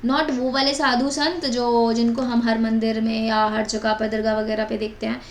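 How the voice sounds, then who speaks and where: A woman's voice: fairly high pitch, level tone, normal speed. A young woman teaching a vocabulary lesson, explaining in a chatty way with repetitions and asides. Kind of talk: vocabulary lesson in mixed Hindi and English. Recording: echoey room with faint noise.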